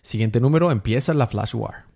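A man's voice: mid-range voice, normal speed, vocal fry, mellow, breathy edge. A man hosting a casual comic-book chat, chatty and dropping in English words and slang. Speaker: podcast host.

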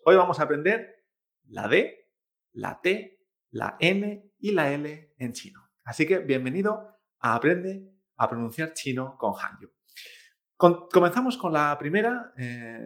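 A young man teaching Mandarin pronunciation, demonstrating sounds patiently. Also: fairly high pitch. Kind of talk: language lesson.

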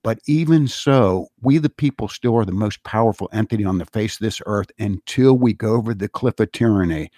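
A political commentator with a fairly low, warm voice delivers a long monologue, driving his points home through insistent, speech-like repetition. He talks a little fast with hardly any pauses, and the sound is dry and close with no room echo.

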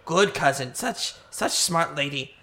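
A man voicing a short goblin woman chieftain with a hoarse, bird-like voice, stammering and repeating words. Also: a little high, expressive, unhurried, sharp tone, heavily acted. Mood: eager.

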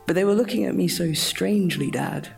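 A man playing a dead young son speaking to his father in a hushed, intimate spoken-word monologue. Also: high voice, fairly quick, gravelly, slightly rough, soft background music, exaggerated voice. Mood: haunted. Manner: intimate, hushed, keeps saying "Dad".

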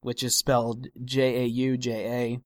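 A man's voice: medium pitch, completely flat delivery, slow, dry recording. A man co-hosting a film podcast in casual chat, often trailing off and searching for the right words. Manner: hesitant, searching for words, stretched-out phrases.

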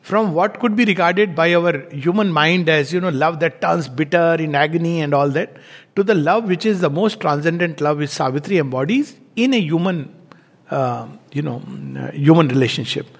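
Casting: man with a high voice, musing, chuckling poetry lecturer, long hall reverb. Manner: musing, unhurried, frequent chuckles and "you know" fillers. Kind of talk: reflective spoken lecture.

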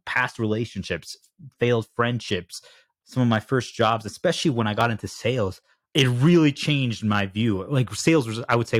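A man's voice: mid-range voice, no echo, studio quality. Talkative man hosting a podcast. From United States. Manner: talkative, rambling, animated storytelling. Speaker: podcast host. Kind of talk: casual podcast interview.

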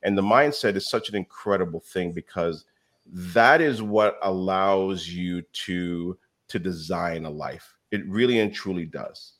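A man with a deep, low voice speaks as a podcast guest. He tells his stories with energy, acting out the dialogue. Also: measured pace. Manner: animated storyteller, acts out quoted dialogue. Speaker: real estate education company founder.

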